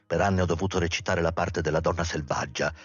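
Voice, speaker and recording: A man voicing a scorned young woman who turns shrill, mocking and close to tears. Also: steady tone, fast talker, no echo, lo-fi sound. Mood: furious. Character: furious scorned young woman, bitter and tearful.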